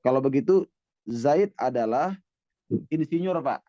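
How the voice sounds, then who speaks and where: A man leading an Arabic grammar class, speaking at a patient, drawn-out pace with pauses and fillers. The sound is dry and a little dull, with almost no room echo. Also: mid-range voice, expressive, mellow. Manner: patient, drawn-out teaching cadence with frequent fillers. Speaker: Arabic teacher. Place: mosque classroom with online students.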